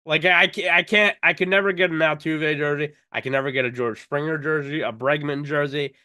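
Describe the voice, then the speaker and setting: A man's voice: a little high, steady tone, a little fast, sharp tone, clear, resonant tone, no echo, clean studio sound. A man co-hosting a casual sports podcast, stammering through restarts and laughing with his co-hosts. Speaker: podcast co-host.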